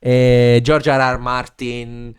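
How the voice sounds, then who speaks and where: A man's voice: mid-range voice, flat delivery, takes it slowly, crowd noise. A man with an Italian accent co-hosting a casual podcast from a home studio, rambling and teasing with frequent laughs. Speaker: podcast co-host. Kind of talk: casual chat.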